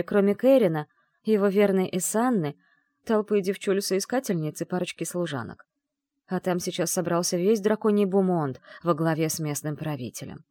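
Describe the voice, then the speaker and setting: A woman's voice: mid-range voice, mellow, no room sound, studio quality, natural voice. A woman voicing a feisty young bride from another world, whiny and exclaiming.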